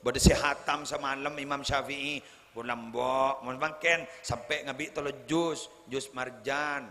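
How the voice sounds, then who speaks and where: Madurese-accented preacher, slow and booming in a hall. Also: male voice, steady tone, bright, forceful tone. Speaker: Islamic preacher. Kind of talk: humorous religious sermon at a wedding gathering. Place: large hall at a wedding celebration. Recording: live hall sound with faint crowd ambience.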